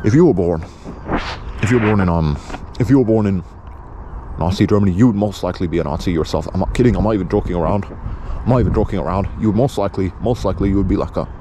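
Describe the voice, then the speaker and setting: A man's voice: sits low, quick pace, noisy background. A man from England with a British accent giving an unscripted opinion monologue in an insistent, blunt, repetitive manner. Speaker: video presenter.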